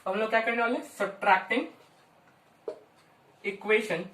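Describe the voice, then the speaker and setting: In an informal whiteboard lesson, a maths teacher with a fairly high, fairly bright voice works through a proof conversationally, chatting and repeatedly checking in with "ठीक है" and "हाँ" to confirm her listeners are following. She slows way down on long strings of digits, and her voice sounds roomy and somewhat distant from the mic.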